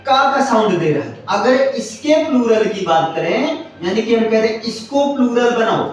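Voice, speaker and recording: A man's voice: high-pitched, lively intonation, normal speed, recorded from a distance, slight background noise. Male teacher in a very echoey classroom. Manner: repeats points, checks understanding often, spells words out letter by letter. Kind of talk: classroom grammar lesson. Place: classroom with students answering together.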